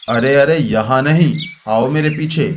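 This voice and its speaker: A man playing a scheming, flattering eagle villain in a cartoon, coaxing and commanding as he speaks. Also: mid-range voice, a little slow, slight background noise, natural voice. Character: scheming, flattering male eagle villain hunting baby birds. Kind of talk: Hindi cartoon voice acting. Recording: constant birdsong and clicks behind voice. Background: birdsong.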